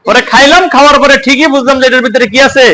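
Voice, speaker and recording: Guy teaching quran in a mosque, really high voice, keeps throwing questions back at the class. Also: steady tone, racing, a crowd in the background, poor audio. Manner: keeps quizzing the class by repeating questions, tells homely examples. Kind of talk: classroom teaching with call-and-response.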